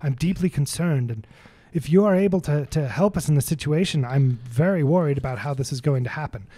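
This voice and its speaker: A man's voice: fairly high pitch, brisk, dark tone, lightly acted. A man voicing a worried elderly grandmother who is hiding children and pleading for help. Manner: anxious, earnest pleading.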